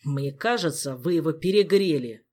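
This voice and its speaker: A man reading an audiobook, voicing a gruff, hot-tempered nobleman who scolds loudly. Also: a little high, expressive, normal speed. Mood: angry. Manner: loud, growling scolding.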